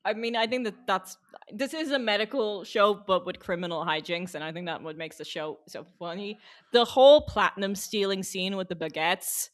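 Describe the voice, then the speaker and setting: A woman's voice: medium pitch, normal speed. A woman co-hosting a podcast, chatting casually and peppering her sentences with "like" and restarts. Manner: chatty, full of "like" fillers and restarts. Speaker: podcast co-host. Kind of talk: casual chat.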